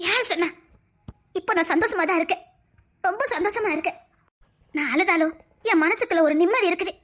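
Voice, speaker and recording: A woman's voice: extremely high pitch, a little fast, fairly bright tone. A woman with a Tirunelveli Tamil accent playing a tearful, long-suffering wife who stays devoted to her husband. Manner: tearful, earnest, emotional. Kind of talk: family drama skit.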